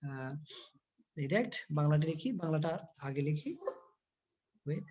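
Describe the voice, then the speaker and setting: A woman's voice: low voice, slow pace, mellow. A woman teaching an English poem to a class, explaining it word by word and asking the students questions as she goes. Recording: dull lo-fi recording.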